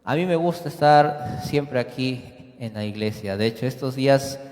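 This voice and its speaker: A man's voice: medium pitch, normal speed, darkish tone. A man preaching a sermon in church, asking the congregation questions and acting out short quoted dialogues. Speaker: lay preacher. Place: church sanctuary. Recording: echoey church hall.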